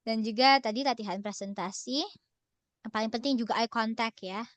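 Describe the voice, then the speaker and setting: A young woman with a fairly high voice talks a little fast, presenting an online workshop from a relative's home. She's casual and cheerful, laughing often and slipping in English phrases. The audio comes through a video call microphone with no room sound.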